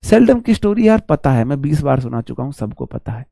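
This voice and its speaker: A man's voice: medium pitch, very animated, a little fast, vocal fry, dark tone, no echo, clean studio sound. A young man teaching grammar in a live online class, chatty and teasing, mixing Hindi and as he reads student questions aloud.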